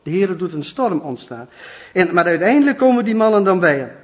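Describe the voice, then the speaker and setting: A man's voice: high voice, brisk. A man preaching a sermon, telling stories and acting out the voices of the people in them. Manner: storytelling, acts out quoted voices, lively.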